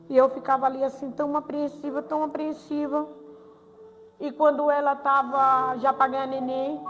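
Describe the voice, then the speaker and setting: An older woman, high-pitched, speaks in an emotional church testimony and repeats her phrases as she pleads. Her voice rings through a long church reverb, with soft music underneath. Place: church hall with music behind.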